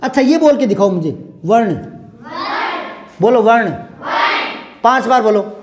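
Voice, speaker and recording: High-voiced man teaching slowly. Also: animated, some chatter behind. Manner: patient, drills words over and over; calls pupils "beta", asks constant questions. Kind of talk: classroom grammar lesson.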